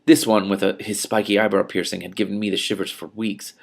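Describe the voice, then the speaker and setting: Reading fiction at a brisk clip, this low-voiced man with heavy fry mixes audiobook-style narration with off-the-cuff remarks. He emphasizes lines expressively, occasionally sinking into a hush, in a relaxed, reactive manner.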